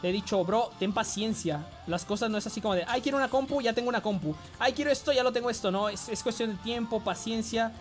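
A man with a Mexican accent giving excitable live gameplay commentary, swearing and often yelling. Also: high voice, quick pace, few pauses, faint music behind. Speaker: game streamer.

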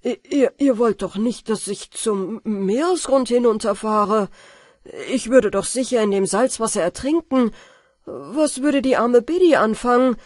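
A woman voicing a cheeky, bold young fisherman in a storybook reading, louder and eager. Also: on the high side, measured pace, no echo, studio quality.

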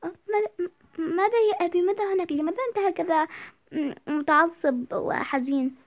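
A woman's voice: extremely high pitch, fairly quick, voice pushed up. A woman voicing a timid young girl caught lying, stammering tearful excuses.

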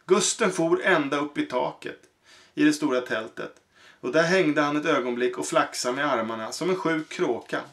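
A man reading a children's book aloud in a halting way, with fillers and self-corrections. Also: fairly high pitch, a bit bright. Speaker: reader.

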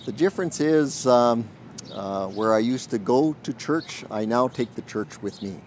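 A man in his forties, a military chaplain, answers interview questions outdoors in an earnest, thoughtful way and pauses often to find his words. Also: medium pitch, animated, darkish tone, slight background noise. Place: outdoors in a garden.

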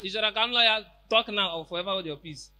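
A man's voice: sits high, very fast. A young man with a Nigerian accent, hosting a comedy show on stage with a handheld mic, teasing a guest in playful pidgin banter. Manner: teasing, playful, loud bursts. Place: large tented event hall, on stage.

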